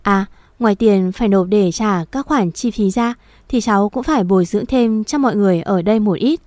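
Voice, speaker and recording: A woman's voice: mid-range voice, fairly quick, no room sound, clean studio sound, lightly acted. A woman reading as a blunt male forensic doctor. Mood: matter-of-fact. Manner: blunt, hushed. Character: middle-aged male forensic doctor, matter-of-fact.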